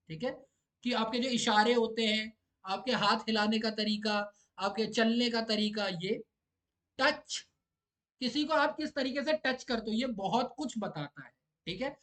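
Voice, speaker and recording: Man, young adult, tutor, lecture, high-pitched, explanatory, keeps checking understanding. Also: fairly bright tone. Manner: explanatory, often checking in with listeners. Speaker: exam-prep tutor. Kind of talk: lecture mixing Hindi and English.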